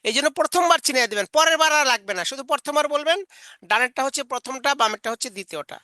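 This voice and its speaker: A woman trains Quran teachers in a bright, slightly high voice. She explains each classroom drill step by step and slows down to model the sounds. The recording is dry and close. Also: lively intonation, dry recording. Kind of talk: instructional lecture.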